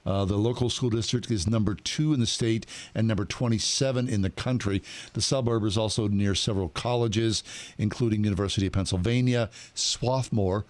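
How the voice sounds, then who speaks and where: A man co-hosting casual radio talk, reading out items with deliberate emphasis. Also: lowish voice, no room sound. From Pittsburgh area, USA. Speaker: radio co-host.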